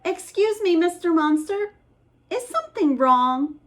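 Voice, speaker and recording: Woman voicing a plucky high-pitched little boy. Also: animated, a little slow. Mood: timid, polite. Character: young brothers, small plucky boys in a storybook.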